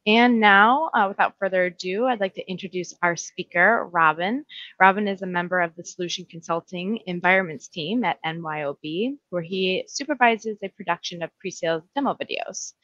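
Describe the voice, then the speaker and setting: A woman's voice: lowish voice, fairly bright tone, no room sound, dull audio. A woman hosting a webinar, reading housekeeping notes and a speaker introduction with some fillers. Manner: reads announcements with fillers. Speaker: webinar host. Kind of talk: scripted introduction.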